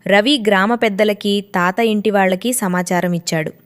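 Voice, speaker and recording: A woman narrating a moral story in an expressive, steady storytelling manner. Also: medium pitch, normal speed.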